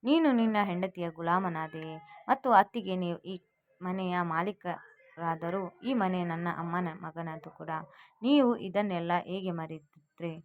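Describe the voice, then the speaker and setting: A woman voicing a young married daughter who loves her mother and is quick to anger, speaking in a raised, urgent voice. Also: medium pitch, phone-quality sound, close to an everyday voice. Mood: angry. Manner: pleading, then indignant. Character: young married daughter, loving, hot-tempered.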